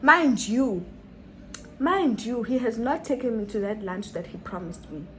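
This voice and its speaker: A woman's voice: on the high side, animated, measured pace, fairly bright tone, slight background noise, low-quality recording. A young woman telling a dramatic story on her vlog, full of rhetorical questions and repetition. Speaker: vlogger.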